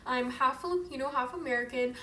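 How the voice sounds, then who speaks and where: A woman's voice: high-pitched, a little fast, pushed and bright, echoey room, slight background noise. A young woman from Northern California, chatting to camera for her vlog in an outgoing, earnest way. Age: young adult. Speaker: vlogger. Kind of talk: casual talk to camera.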